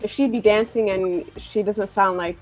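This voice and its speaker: A woman in a casual group chat, chatty and quick to agree with emphatic slang. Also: mid-range voice, steady tone, music in the background. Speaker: guest.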